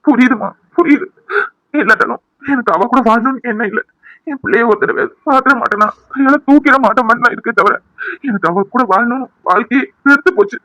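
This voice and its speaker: A man's voice: very high-pitched, a little fast, sharp tone, no echo, voice pushed up, poor audio. A man voicing a devoted grown son in a cartoon, pleading and reassuring his mother. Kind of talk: cartoon voice acting.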